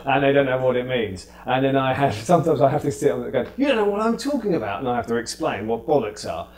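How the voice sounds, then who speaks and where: A middle-aged British comedian chatting as an interview guest, telling stories with quick acted-out asides. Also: male voice, mid-range voice, a little mellow, a little hiss or hum. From United Kingdom. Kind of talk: casual interview anecdotes.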